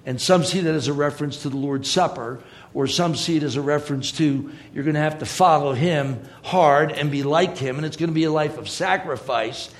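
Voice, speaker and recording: A man's voice: a little high, fairly quick. A man preaching a sermon in a conversational way, with joking asides.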